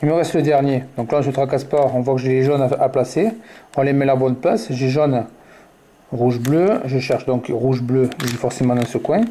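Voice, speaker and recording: A man's voice: mid-range voice, moderate pace, mellow. A man giving a step-by-step puzzle tutorial, muttering the colors and moves aloud as he works.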